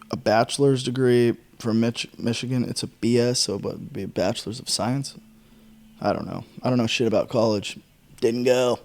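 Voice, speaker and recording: A young man with a mid-range, darkish voice hosts a casual fireside book chat as a podcast. He sounds tired and rambles, swearing freely and punctuating his talk with sighs and yawns.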